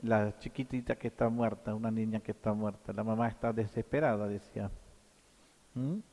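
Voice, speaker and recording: A man preaching a halting sermon as priest at Mass, often pausing on short tag questions. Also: fairly low pitch, little pitch movement, warm tone, long reverb tail. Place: church.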